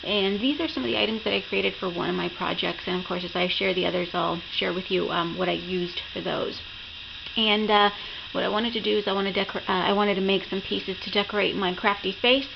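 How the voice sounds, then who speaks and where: A woman's voice: mid-range voice, fairly even intonation, brisk. A woman with a sore throat from being sick, chatting enthusiastically as she shows off her craft projects in a casual vlog. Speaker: craft vlogger. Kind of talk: casual project show-and-tell. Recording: muffled lo-fi sound with clear background noise.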